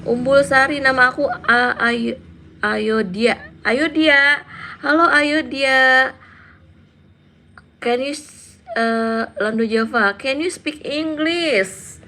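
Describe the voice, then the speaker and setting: A woman's voice: high voice, slow pace, pushed and bright, slight background noise. A woman in her thirties hosting a casual live stream, chatting with viewers and reading out their names and comments. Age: 30s. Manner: chatty, reads out viewer names and answers them.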